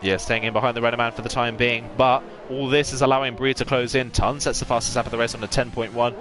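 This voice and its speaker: A man's voice: mid-range voice, little pitch movement, fast, background noise. A man giving fluent, detailed live play-by-play commentary as an esports sim racing commentator.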